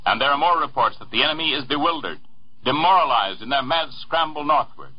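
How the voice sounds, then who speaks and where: Casting: American male newscaster, old 1940s newsreel delivery, formal and emphatic, slightly husky, dull vintage radio sound. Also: a little high, lively intonation, fairly quick. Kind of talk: 1940s wartime radio news bulletin, old newsreel manner.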